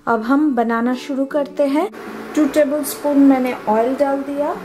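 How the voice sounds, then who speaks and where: A woman with an Indian accent hosts her cooking channel as a home cook, walking through a recipe step by step in simple instructional speech that switches between Hindi and English. Her voice sits high and steady at a measured pace, with music in the background.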